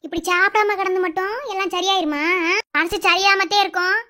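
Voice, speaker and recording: A woman voicing a comforting middle-aged village mother from Madurai, speaking gently and reassuringly. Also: extremely high pitch, steady tone, fairly quick. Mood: soothing. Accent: Madurai Tamil. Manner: soothing, reassuring.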